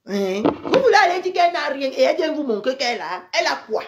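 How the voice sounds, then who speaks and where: An upset woman vents on a phone livestream, exclaiming and repeating herself. Her voice sits high and leaps around wildly, jumping from sharp outbursts down to low grumbles. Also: very animated, quick pace, very noisy. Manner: agitated, exclaiming, repeating herself, swinging between loud outbursts and low mutters. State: upset and angry. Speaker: social media livestreamer. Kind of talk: indignant Facebook live rant.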